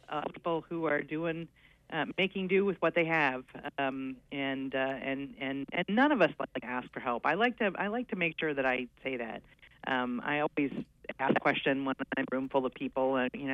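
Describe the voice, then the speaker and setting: On a dull, lo-fi radio recording with no echo, a fairly high-voiced man is interviewed as a guest who coordinates aging services. He explains things hesitantly but earnestly, full of fillers and restarts.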